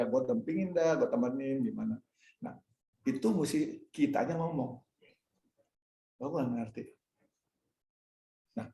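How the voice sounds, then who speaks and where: A man's voice: mid-range voice, a little mellow, roomy sound. A man speaking at a church fellowship meeting, telling a personal story and acting out the dialogue while answering questions. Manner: storytelling, acts out his own dialogue; addresses listeners as "Saudara". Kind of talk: casual sermon-like talk answering questions.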